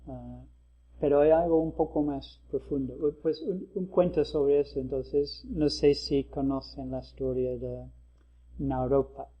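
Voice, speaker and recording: A male Buddhist teacher giving a talk, pausing often as he finds his words. His voice sits at a middling pitch. The recording is slightly dull and lo-fi. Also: steady tone. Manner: measured, hesitant, with frequent pauses. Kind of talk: dharma talk.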